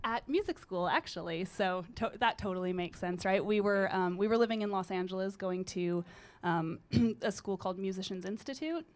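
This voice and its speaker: At a moderate pace, a woman in her thirties chats loosely as a guest in a radio studio, her low, slightly gritty voice recorded on a studio microphone. A singer-songwriter from British Columbia, Canada, she keeps the casual interview relaxed and rambling, with many fillers.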